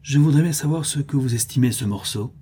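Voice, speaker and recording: A man's voice: medium pitch, fairly quick, dark tone, slight background noise, pitched above the performer's own voice, natural voice. A man voicing a bewildered, timid middle-aged clerk who stammers and hesitates. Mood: hesitant.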